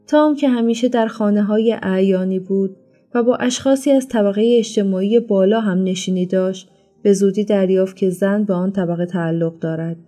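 A woman narrating an audiobook in a steady, even reading voice. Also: medium pitch. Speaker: storyteller. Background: faint instrumental music.

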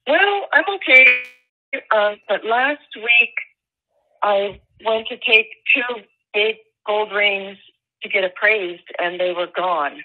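A woman's voice: medium pitch, slow pace. Woman, radio show caller, phone line sound, tinny and thin, worried, asking questions. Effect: caller's voice over a phone line.

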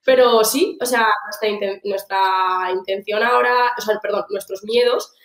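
A woman's voice: medium pitch, steady tone, normal speed. Upbeat young woman on a video call. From Argentina. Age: young adult. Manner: chatty, upbeat, many fillers and restarts. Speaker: interview guest. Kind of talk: casual video-call interview. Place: small room indoors. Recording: roomy echo.

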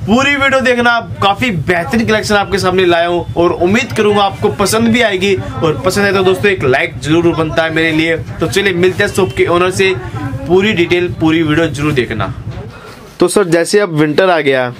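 A man's voice: sits high, normal speed, a crowd in the background. A man hosting a casual market vlog, interviewing a shop owner and repeating back prices in a busy wholesale shop. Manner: short echoing confirmations of prices. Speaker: vlogger host.

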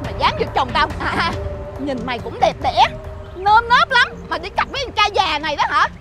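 A woman playing a middle-aged wife who scolds her cheating husband in shrill insults. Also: lively intonation, normal speed. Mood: angry. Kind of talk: low-budget moral skit acting. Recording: loud music bed behind.

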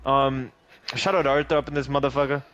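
A man's voice: medium pitch, little pitch movement, brisk, a bit bright, muffled recording. A young man bantering over a game in casual, profane street slang, joking around. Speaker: gamer on a YouTube channel.

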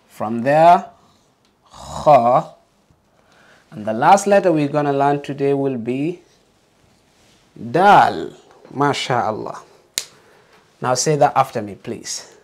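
A man's voice: medium pitch, a little slow, darkish tone. A man teaching a beginner alphabet lesson, patiently modeling letter sounds and encouraging learners to repeat.

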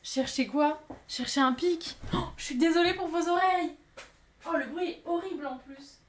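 A potter streaming live chats with viewers while she works on her pottery. Her high voice is lively and excitable, casual and chatty, and she apologizes often.

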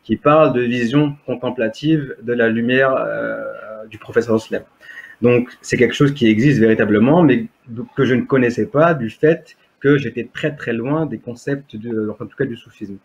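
A man in his thirties, Berber by native language, tells his story as a guest in a video call interview, hesitant and full of fillers and restarts. His mid-range voice is slightly rough and a little quick. He is indoors at home, and his webcam gives dull, lo-fi audio.

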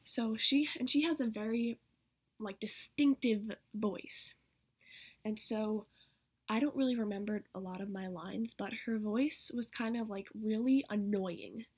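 A teenage girl with a husky, medium-pitched voice talks a little slowly to camera, rambling and saying "like" often. She's a vlogger demonstrating and explaining character voices in a casual, chatty tutorial, recorded indoors in a small bedroom on a laptop mic held at arm's length.

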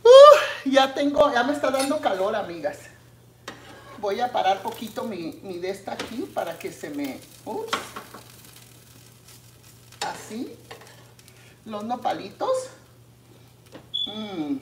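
A middle-aged woman, chatting casually with her viewers as she cooks in her home kitchen, often drifting into soft asides. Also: fairly high pitch, big pitch swings, slow, long pauses, noisy background. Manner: chatty, addresses viewers as friends, often trails into quiet asides. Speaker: cooking channel host. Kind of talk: casual cooking vlog chat. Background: food sizzling in a pan.

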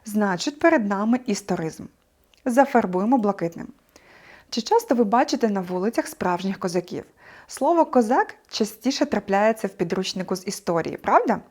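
A woman teacher presents a scripted video lesson in a clear, mid-pitched voice. She explains expressively and keeps turning to the students with rhetorical questions. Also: darkish tone.

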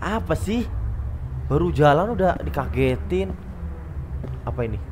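Lively, jumpy gamer man. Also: a little high, unhurried, slight background noise. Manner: jumpy and exclamatory, blurts religious exclamations when startled. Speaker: gamer playing a horror game. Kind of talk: casual let's-play commentary.

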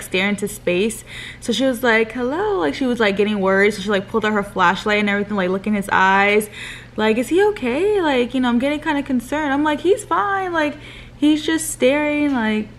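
A woman's voice: mid-range voice, slight background noise. Chatty young woman vlogging. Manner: chatty, leans on "like" as filler. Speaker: vlogger and new mother. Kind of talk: casual vlog chat. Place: pediatric clinic exam room.

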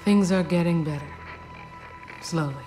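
A woman's voice: on the low side, unhurried, warm tone, echoey room, soft background music, close to an everyday voice. An actress playing a guarded, troubled woman survivor in a dramatic video game, speaking tersely.

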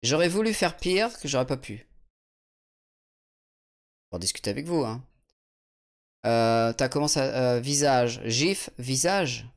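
Using a USB studio condenser mic, a man from France chats casually while playing a video game, swearing here and there and reading out his viewers' chat to reply. He speaks in a mid-range voice with lively intonation, at a measured pace with frequent pauses.

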